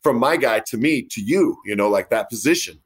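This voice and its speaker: A man's voice: medium pitch, animated, fairly quick, slightly rough. A male host in a casual conversation. His voice sits mid-range and his talk is easygoing and chatty. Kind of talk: casual chat.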